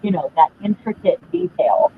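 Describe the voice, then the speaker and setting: A woman on a video call describing her craft work in a halting way with many ums, her voice muffled and underwater-sounding from being away from the mic. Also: mid-range voice, very animated. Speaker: crafter demonstrating gel printing. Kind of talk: casual crafting chat on a call. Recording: tinny video-call line with faint noise.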